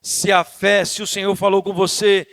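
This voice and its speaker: Brazilian pastor guy preaching, high bright voice, fervent, goes soft then yells, dry sound. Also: little pitch movement, normal speed, no echo. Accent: Brazilian Portuguese. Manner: fervent, swinging from soft to shouting. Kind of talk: sermon.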